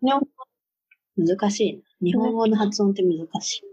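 A woman in relaxed casual chat with a friend, trying out odd sounds and laughing along. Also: mid-range voice, normal speed, slightly rough. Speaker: co-host. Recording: dull lo-fi recording.

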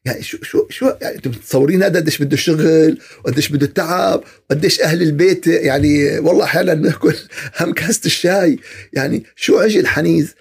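A man's voice: fairly high pitch, fast, gravelly, husky. A man giving a podcast religious talk, asking rhetorical questions and answering them himself. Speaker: religious speaker.

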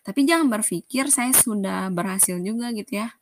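A woman's voice: medium pitch, brisk, slight background noise. A woman giving a casual teaching talk on family communication, explaining step by step with worked examples and frequent fillers. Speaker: parenting speaker.

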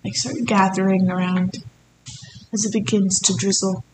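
A woman's voice: medium pitch, flat delivery, moderate pace, darkish tone, a little hiss or hum. Woman narrating a tabletop game, echoey. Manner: casual, filler-heavy narration with many likes and ums. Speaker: game master.

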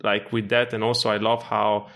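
A young man who grew up in Italy, chatting casually and relaxed as a podcast host. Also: lowish voice, moderate pace. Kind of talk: casual conversation.

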